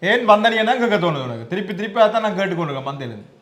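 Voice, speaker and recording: A man's voice: high-pitched, sing-song, rapid-fire, fairly bright tone. A man with a Jaffna Tamil accent who scolds in exasperation in a comic sketch. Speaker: comedian in a sketch. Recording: echoey noisy room.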